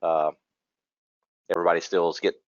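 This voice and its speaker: Deep, flat-voiced man on a panel. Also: fairly quick, no echo. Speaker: panel guest, security team manager. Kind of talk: casual panel chat. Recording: dull, dry video-call audio.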